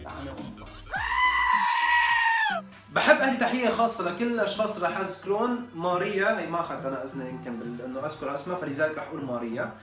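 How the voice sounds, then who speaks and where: A man's voice: fairly high pitch, racing, distant mic. A man with a Syrian accent in a joking, mock-exasperated comedic rant. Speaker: comedy vlogger. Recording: echoey room, off-mic, faint music.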